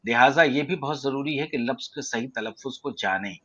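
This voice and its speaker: A man from central India with an Indian Urdu accent, teaching poetic meter in an online audio class, measured and explanatory with frequent hesitations. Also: mid-range voice, sharp tone, no room sound, highs cut off. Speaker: poetry teacher. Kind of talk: prosody lesson in an online audio room.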